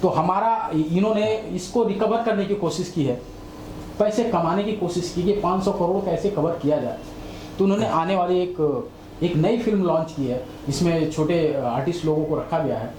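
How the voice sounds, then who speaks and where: A man's voice: high-pitched, moderate pace, a little mellow, slight background noise. A man hosting a casual film review chat who speaks hesitantly with many fillers, often murmuring agreement. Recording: echoey room.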